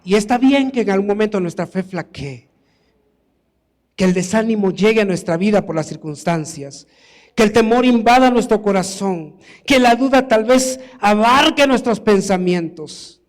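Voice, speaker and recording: A man's voice: high-pitched, animated, moderate pace, big-room sound. A man preaching a sermon in a church, emphatic and building to exclamations. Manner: emphatic, rises to exclamations and acted quotes.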